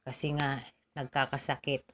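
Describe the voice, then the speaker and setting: A woman's voice: extremely low pitch, level tone, moderate pace, very noisy. A middle-aged woman with a cough, chatting casually and explaining a home remedy step by step in a home vlog. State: has a cough. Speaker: vlogger.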